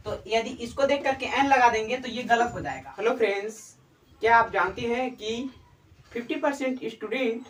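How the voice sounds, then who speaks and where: A woman teaching in a lesson style, asking the class questions and then answering them herself. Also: on the high side. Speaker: English teacher. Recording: roomy, mic far from speaker.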